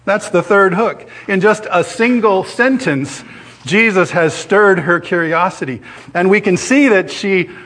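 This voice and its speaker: A man's voice: high-pitched, fairly bright tone. Conversational man preaching a sermon. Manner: conversational, many restarts and fillers, acts out quoted voices. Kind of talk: sermon with storytelling.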